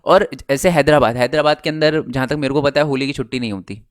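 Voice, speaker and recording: A man's voice: mid-range voice, fast. Young male tutor, conversational explainer, frequent check-ins, mixes in English terms. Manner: conversational, checks in with "ठीक है" often, filler "अ". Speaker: teacher. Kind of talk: casual explainer lesson.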